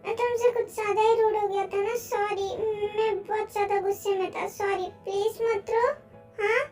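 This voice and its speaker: A woman doing a grumpy young boyfriend, high-voiced. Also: little pitch movement, moderate pace, a little mellow, faint music behind. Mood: soothing. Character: young man, grumpy then tender boyfriend. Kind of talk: Hindi fan-dub story voicing.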